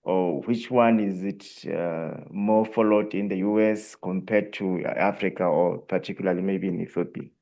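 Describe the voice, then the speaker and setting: A man joining a webinar over a video call to ask a question, polite and halting. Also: sits low, fairly even intonation, gravelly, warm tone, dull audio. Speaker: webinar participant asking a question. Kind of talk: asking a question online.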